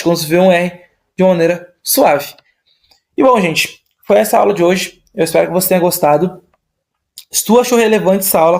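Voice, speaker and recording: Teaching Spanish online, a Brazilian-accented man keeps his explanations relaxed and keeps asking tag questions to check understanding. His voice is high-pitched and a little mellow.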